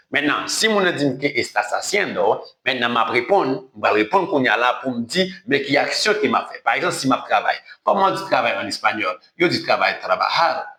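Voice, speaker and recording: A man teaching an online language lesson in a bright, forceful voice. He drills each word slowly several times and checks that listeners follow with a quick "ok?". The sound rings around a roomy, echoey space. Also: mid-range voice.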